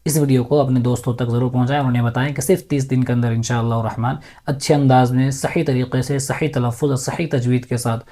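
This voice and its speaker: A man teaching Quran reading, slowly spelling out letters syllable by syllable and then joining them. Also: mid-range voice, fairly even intonation, mellow. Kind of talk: step-by-step reading lesson.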